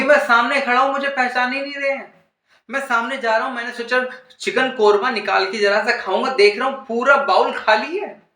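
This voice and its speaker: A man's voice: very high voice, sharp tone, echoey room. A young man performing a comic monologue, gossiping and complaining to his mother in a whiny way. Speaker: comedian.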